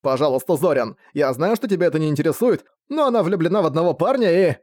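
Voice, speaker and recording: A man's voice: on the high side, expressive, fast, a little mellow, no echo, clean studio sound, pitched above the performer's own voice, natural voice. A man doing a whiny pleading big brother. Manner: whiny, wheedling, begging. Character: pushy pleading young man, older brother.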